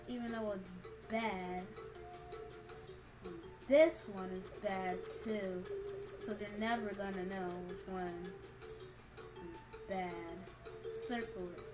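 A woman giving casual let's play commentary in a slangy, exclamatory way, muttering to herself as she plays. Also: mid-range voice. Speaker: gaming video player. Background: video game music.

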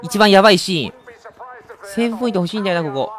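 Excitable man commentating a game. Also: high voice, rapid-fire. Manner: excitable, chatty, laughs often. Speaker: game streamer. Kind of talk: let's play commentary.

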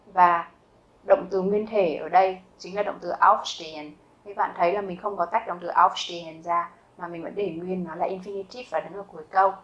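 Woman teaching German grammar calmly. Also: fairly low pitch, muffled recording. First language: Vietnamese. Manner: repeats example sentences slowly and carefully; asks learners rhetorical questions. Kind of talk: explanatory grammar lesson.

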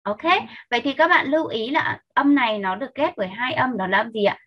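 A woman teaching English vocabulary with a Vietnamese accent, patient and clear, slowly repeating each sound for young learners. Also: a little high, lively intonation. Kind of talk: online vocabulary lesson. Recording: dull lo-fi sound.

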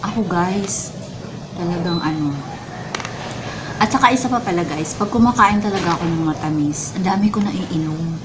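Clear background noise surrounds a Filipino woman with a slightly low voice. She chats casually to her viewers in a mukbang eating vlog, savouring the food as she talks. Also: moderate pace, long pauses. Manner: chatty, addresses viewers directly. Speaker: vlogger.

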